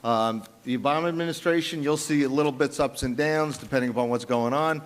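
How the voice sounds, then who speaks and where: A man's voice: mid-range voice, a little fast. A man from the South Bronx with a New York accent, presenting poll numbers emphatically on a conference panel. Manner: emphatic, punchy, with frequent restarts. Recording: long reverb of a large conference hall.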